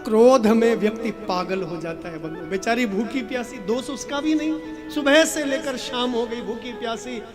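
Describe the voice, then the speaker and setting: Brief: a male preacher telling a sacred story, high and deliberate, backed by instrumental music. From Uttarakhand, India. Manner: dramatic, emotive, rhetorical asides to listeners. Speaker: scripture storyteller. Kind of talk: devotional sermon storytelling.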